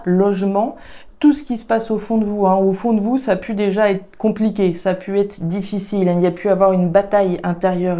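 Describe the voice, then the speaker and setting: A woman's voice: mid-range voice, mellow. A woman giving a casual tarot card reading to her viewers, chatty and full of fillers, speaking straight to them. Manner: chatty, filler-heavy, addresses viewers directly. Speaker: tarot and oracle card reader.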